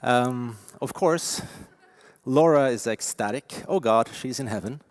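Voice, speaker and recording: A man in his forties from Norway with a Norwegian accent, giving a lively, emphatic conference keynote with frequent fillers. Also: mid-range voice, unhurried, no room sound. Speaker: keynote speaker. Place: conference stage.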